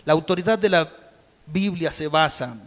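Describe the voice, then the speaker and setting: Colombian pastor preaching in a reverberant hall. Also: male voice, a little high, normal speed. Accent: Colombian Spanish. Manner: swings between calm teaching and loud shouted peaks; addresses congregation directly, rhetorical questions. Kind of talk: sermon. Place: church sanctuary. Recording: long reverb of a church hall.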